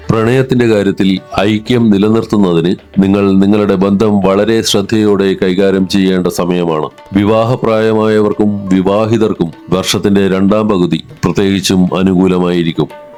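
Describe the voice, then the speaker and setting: A man with a low voice narrates a horoscope from a script. His reading is even and formal, and soft music plays under it. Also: clear, resonant tone. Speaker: astrology narrator. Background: soft instrumental music.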